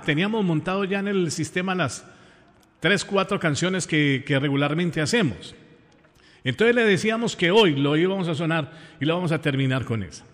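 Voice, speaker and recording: With a fairly high pitch, a radio host speaks in a large hall. The man is from Pereira, Colombia, carries a Colombian accent, and talks to listeners in an informal, affectionate and effusive way, repeating phrases to emphasize them.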